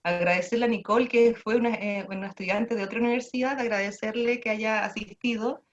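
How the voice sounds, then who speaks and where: A woman's voice: a little high, steady tone, a little fast. Woman lecturing over a lo-fi video call. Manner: explanatory, asks rhetorical questions, frequent restarts. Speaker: lecturer on early childhood education. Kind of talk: online lecture answering a question.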